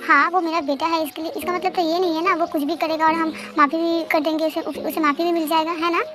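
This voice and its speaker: A woman's voice: very high voice, level tone, fast talker, over music. A woman voicing a stern lecturing father. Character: stern father refusing to forgive his son.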